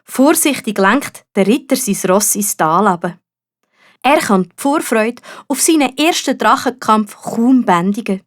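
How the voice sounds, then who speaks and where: A woman storyteller with a fairly high voice and a Swiss German accent. She reads a scripted children's tale with expression. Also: animated, unhurried.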